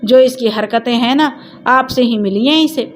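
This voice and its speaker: Woman doing a resentful, hot-tempered mother, sharp scolding delivery, slightly raised pitch. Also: normal speed, close to an everyday voice. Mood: angry. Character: short-tempered young mother, harsh and resentful.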